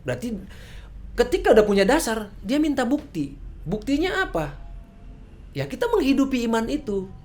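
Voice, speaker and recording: A woman's voice: a little high, sing-song, normal speed, pauses often, darkish tone. A woman preaching a sermon in a church service, casual and conversational, often asking rhetorical questions.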